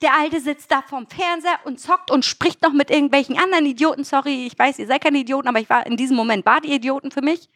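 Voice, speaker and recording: High-voiced young woman ranting. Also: quick pace, hardly any pauses, no echo, studio quality. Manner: animated, swearing, acts out dialogue. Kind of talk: casual chat, ranting story.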